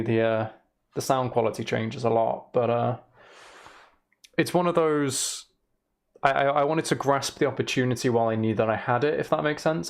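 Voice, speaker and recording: A man's voice: medium pitch, vocal fry. A young man streaming, chatting casually and rambling, recorded on a desk microphone in an emptied room that echoes. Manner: chatty, rambling, self-deprecating. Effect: echoey sound of an emptied room. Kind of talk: casual livestream chat. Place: emptied room in a house, indoors. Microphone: desk microphone on a shelf.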